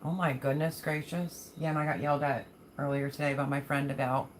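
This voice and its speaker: Lower-pitched chatty woman, noisy livestream. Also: little pitch movement, brisk. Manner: chatty, folksy, affectionate with viewers. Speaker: livestream host. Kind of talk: casual live chat, reading and answering viewer comments.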